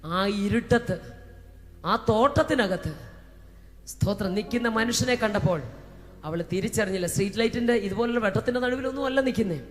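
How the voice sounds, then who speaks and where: A woman preacher from Kerala giving a fervent Pentecostal sermon. She swings between shouting and hushed talk and breaks into speaking in tongues. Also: fairly high pitch, a little fast. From Kerala, India. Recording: echoey hall with faint music.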